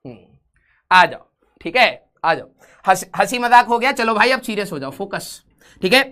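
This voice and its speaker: A man's voice: high voice, very animated, moderate pace, bright, forceful tone. A man teaching physics in a live online class, teasing his students with jokes and banter before reading out questions. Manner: switches to English when reading questions.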